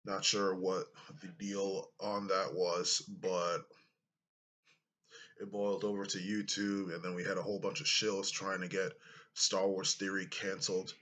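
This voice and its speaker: This deep-voiced YouTuber, in his thirties, addresses his webcam from a small room in a laid-back vlog. There's little movement in his pitch and his tone is fairly bright; he talks slowly and thoughtfully, leaning on many fillers.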